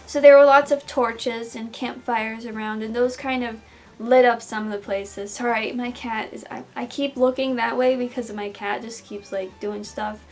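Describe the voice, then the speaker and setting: A woman's voice: fairly high pitch, steady tone, normal speed, a little mellow. A young adult woman with a sore throat, casually recounting dreams in a loose, self-interrupting way as a vlogger. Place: small room at home, indoors.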